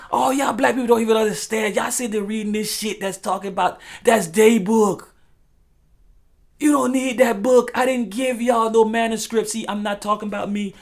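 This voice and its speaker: This American man, hosting a talk show, preaches a passionate, improvised monologue full of profane street slang. His voice sits high, and he leans on emphatic repetition and loose rhymes.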